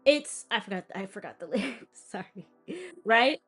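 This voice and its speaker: Speaking at a moderate pace with a medium pitch, a young female music teacher with a light-sounding voice reviews a performance. Her tone is casual, emphatic and teacherly, with stressed words, interjections and straightforward advice to the viewer.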